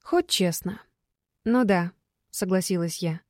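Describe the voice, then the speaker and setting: A woman's voice: on the low side, slow pace, no echo. Woman narrating a fantasy audiobook, dry close sound.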